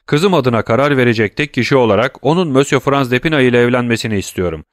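A man's voice: medium pitch, lively intonation, fast, no echo, clean studio sound, pitched above the performer's own voice, natural voice. A man voicing a cold, stern magistrate father in an audiobook, curt and authoritative. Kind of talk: audiobook reading.

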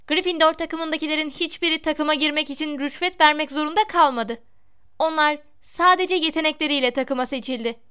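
A woman voicing a sharp, clever schoolgirl who speaks firmly in a storybook reading. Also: high-pitched, moderate pace, hardly any pauses, voice pushed up, close to an everyday voice. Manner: firm, indignant.

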